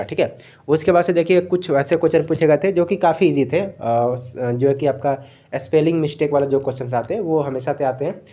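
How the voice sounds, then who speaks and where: A young male tutor talks through exam answers in a relaxed, easygoing way. His voice is mellow and dark, set a little high for a man. He keeps checking in with his listeners, slipping English words into his speech. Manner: relaxed, repeats "thik hai" often, mixes in English words. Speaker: exam coaching teacher. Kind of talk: casual explanatory lecture.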